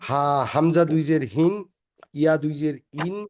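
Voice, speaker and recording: A man's voice: a little high, flat delivery, moderate pace, a little mellow, slight background noise. A man student carefully reciting letter drills for his teacher over a call.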